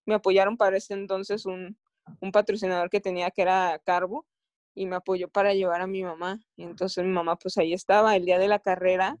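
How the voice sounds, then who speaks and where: A woman's voice: mid-range voice, little pitch movement, fairly quick, a little mellow, no echo, lo-fi sound. A woman with a Mexican accent, an athlete recounting her experiences in a casual interview, often stopping and restarting her phrases. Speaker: Olympic athlete guest.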